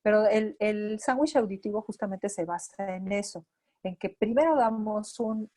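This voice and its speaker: Una mujer con acento mexicano, terapeuta auditivo-verbal, da una clase a residentes y explica con ejemplos prácticos. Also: female voice, mid-range voice, normal speed, mellow. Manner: explanatory, acts out examples of talking to children. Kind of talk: lecture.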